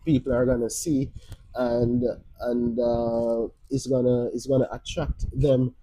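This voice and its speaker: A man with a Jamaican accent hosts a live stream, handing out casual, rambling advice full of restarts and fillers like "uh" and "you know." His voice is medium-pitched and dark, with a level tone and a slightly slow pace. The audio is poor, though without echo.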